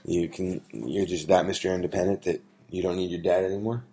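A man with a very low voice hosts a casual chat podcast. He talks in an easygoing, teasing way, often pausing on ums and starting sentences over. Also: fairly even intonation, dark tone. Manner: teasing, easygoing, halting with fillers and restarts. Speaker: podcast host and father.

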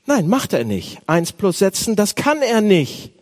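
A man preaching a sermon as a pastor, animated, swinging between loud outbursts and hushed asides. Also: high voice, unhurried.

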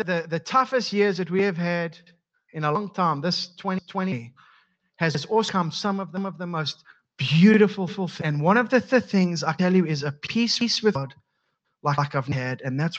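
Man, south african accent, high voice, halting, repeats words, pastor preaching, dull lo-fi sound. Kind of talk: sermon.

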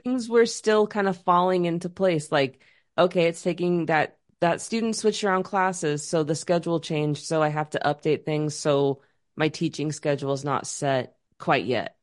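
A woman with a low voice co-hosts a podcast, speaking in a relaxed, rambling way full of restarts. She sounds like someone catching up with a friend. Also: moderate pace. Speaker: podcast co-host; music teacher at a university. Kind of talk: casual chat.

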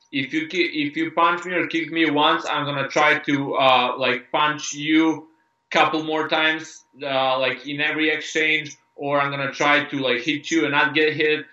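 Bright-voiced Serbian-accented fighter, roomy. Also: male voice, on the high side. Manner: hesitant, many restarts and fillers, earnest. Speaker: MMA fighter. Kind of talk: interview answers. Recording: roomy, dull lo-fi sound.

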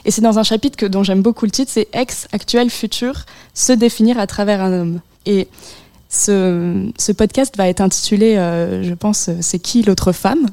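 A woman's voice: mid-range voice, normal speed, mellow, dry recording. A woman hosting a podcast interview, chatty with laughing asides. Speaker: podcast host. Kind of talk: interview with prepared reading.

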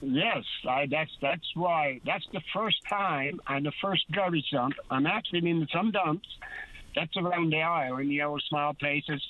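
A man heard over a narrow, tinny phone line, his voice sitting a little high for a man. He talks plainly and rambles as he calls in to a radio show. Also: measured pace, no room sound. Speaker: caller. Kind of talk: call-in radio chat.

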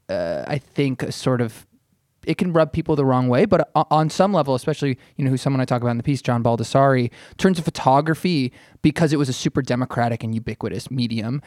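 In a relaxed podcast conversation, this arts writer explains things while thinking aloud, stopping, correcting himself and leaning on "kind of" again and again. He has a mid-range, slightly mellow voice. The clean studio recording carries no room sound.

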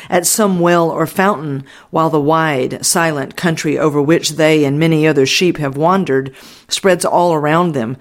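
A man reading an audiobook voices a devout older male shepherd who tells of his flock in a mellow, earnest way. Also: a little high, gravelly. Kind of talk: audiobook narration.

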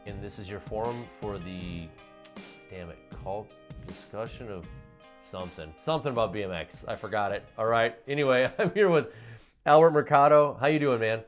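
A man's voice: fairly low pitch, normal speed, soft background music. Casual man with a Wisconsin accent. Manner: informal, swearing. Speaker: podcast host. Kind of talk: casual podcast interview. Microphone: online video call.

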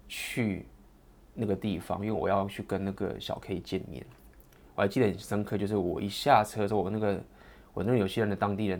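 A man with a Taiwanese Mandarin accent tells a personal story at a quick clip. His voice sits fairly low, and he rambles along with lots of fillers and restarts. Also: darkish tone.

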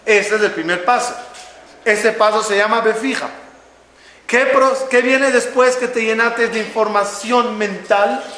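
High-voiced man teaching a class. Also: unhurried, bright, forceful tone. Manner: storytelling, questions to the audience. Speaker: religious teacher. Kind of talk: Torah class to a live audience. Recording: echoey room.

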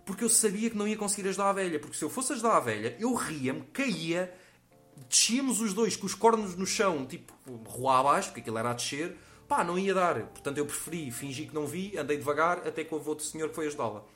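A man's voice: fairly high pitch, lively intonation, fast talker, a bit bright, faint music behind. A 21-year-old man with a Lisbon-area European Portuguese accent, telling a comic anecdote in slangy, profanity-heavy speech. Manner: slangy, swears a lot, acts out quotes. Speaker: comedian telling a story.

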